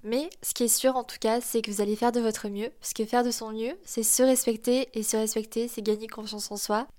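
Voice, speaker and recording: Young nasal-voiced woman, higher-pitched podcast host. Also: steady tone, brisk, darkish tone. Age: 20s. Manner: chatty, informal, self-deprecating. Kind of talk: casual solo podcast talk addressed to listeners.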